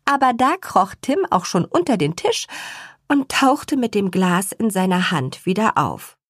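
A woman narrating a children's story with an expressive, measured reading style and a husky voice. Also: medium pitch, no echo. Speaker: audiobook narrator.

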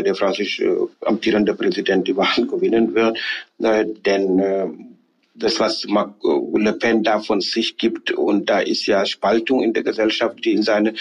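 A man from Senegal, a parliamentarian answering interview questions in a halting way full of hesitations and restarts. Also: fairly low pitch, husky, highs cut off. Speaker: member of parliament interviewed as guest. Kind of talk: political interview.

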